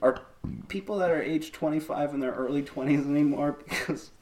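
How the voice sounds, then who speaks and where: A man's voice: a little high, fairly quick, darkish tone. A man in his late twenties co-hosting a casual podcast, teasing and cutting in with jokes and swearing. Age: 20s. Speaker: podcast co-host.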